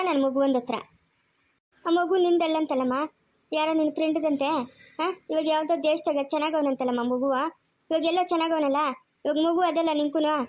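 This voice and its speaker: A woman's voice: sits high, a little mellow, close to an everyday voice. An actress with a rural Chikkaballapur Kannada accent playing a bitter, defiant young mother who fires off accusing questions in an amateur family drama.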